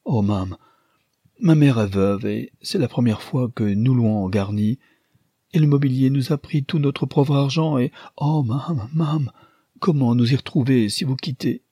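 A man with a husky voice voicing a timid young woman who pleads in tearful, breathless exclamations. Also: deep voice, steady tone, takes it slowly, few pauses, a little mellow, dry recording, studio quality, exaggerated voice. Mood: desperate pleading.

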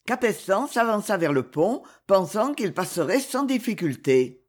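An audiobook narrator reads a dramatic novel in an expressive storytelling manner. The pitch rises and falls a great deal, which keeps the reading animated. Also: unhurried.

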